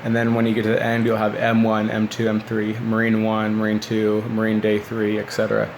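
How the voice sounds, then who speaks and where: Seated by a window in a small living room, a man in his twenties recalls boot camp from his days as a military recruit, telling stories in a laid-back, rambling manner to a phone held at arm's length. His lowish voice is monotone and a little fast, with a little hiss or hum in the recording.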